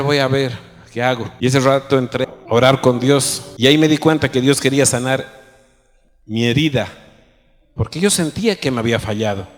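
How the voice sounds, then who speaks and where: A man preaching a sermon as pastor, fervent, moving between loud declarations and quiet storytelling. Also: mid-range voice, in a large hall.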